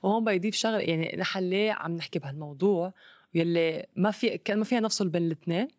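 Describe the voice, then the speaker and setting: A woman's voice: lowish voice, racing, a little mellow, dry recording, studio quality. A woman with a Lebanese Arabic accent who mixes English words into her Arabic, explaining things in a casual, conversational way.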